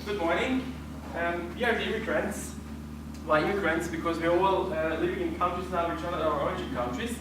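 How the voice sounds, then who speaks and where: A man's voice: sits high, a little fast. Hesitant man presenting in an echoey room. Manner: hesitant, many restarts. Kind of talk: group presentation. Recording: echoey room from far off with noise.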